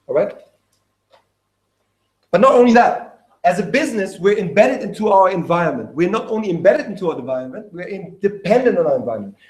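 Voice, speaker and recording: A man giving a lively lecture to an audience, often checking in with "okay?" and "right?". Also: fairly high pitch, echoey room. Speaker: speaker at a talk.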